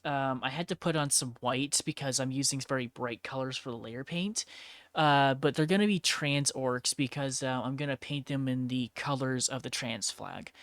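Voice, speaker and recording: With a very deep voice and no echo, a woman streamer chats casually while painting miniatures. She's talkative and blunt, laughs often, and swears plenty.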